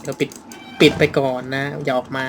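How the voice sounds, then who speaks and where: A man hosting a horror game let's-play on a headset, talking casually with loud startled yelps and lots of swearing. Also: medium pitch, flat delivery, a little fast, faint music behind. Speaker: gaming channel host.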